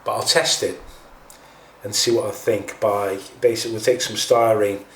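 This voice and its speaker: Male hobby tutorial host, lowish pitch, informal and hesitant, picked up from a distance with faint noise. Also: level tone, normal speed, echoey room. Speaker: host of a scale model painting tutorial. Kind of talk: casual hands-on tutorial talk.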